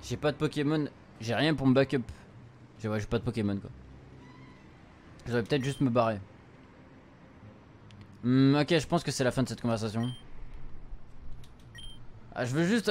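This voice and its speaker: With video game music in the background, this young man streams a relaxed let's play, reading and translating the in-game lines in informal slang. His medium-pitched voice is a little mellow and keeps a moderate pace broken by long pauses, over a faint hiss or hum.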